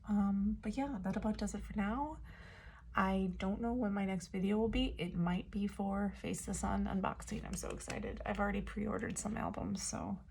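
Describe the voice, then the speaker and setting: A woman's voice: mid-range voice, fairly even intonation, normal speed, gravelly, a little mellow, slight background noise. A woman vlogger telling a story in a casual, rambling way, full of fillers and "like". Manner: chatty, rambling, many fillers and "like".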